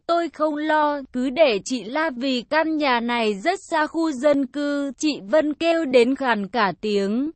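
A woman reading a first-person story aloud in a steady storytelling manner. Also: sits high, no echo. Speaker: story reader.

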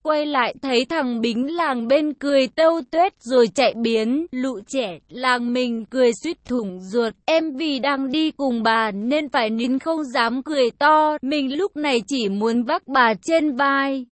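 A woman narrating a first-person story in a lively, colloquial way. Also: sits high, a little slow, few pauses, no echo.

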